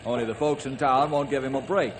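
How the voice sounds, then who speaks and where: A kindly ranger from an old western radio serial, played by a man, with an American accent and a medium-pitched voice. He is earnest, folksy and reassuring, over clear background noise. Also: steady tone, a little fast, close to an everyday voice. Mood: earnest, persuasive. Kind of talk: old-time radio drama acting. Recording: noisy old radio drama recording.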